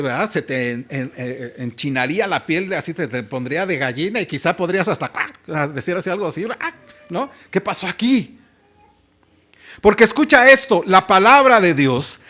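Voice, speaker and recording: Male pastor, high voice, chatty sermon full of rhetorical questions. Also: fairly bright tone. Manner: conversational, asks the congregation rhetorical questions.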